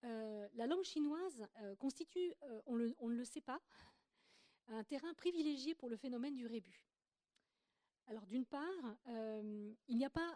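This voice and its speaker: Softly warm woman giving a lecture. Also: a little high, dry recording, clean studio sound. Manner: careful, explanatory, with frequent hesitations and restarts. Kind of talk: academic lecture presentation.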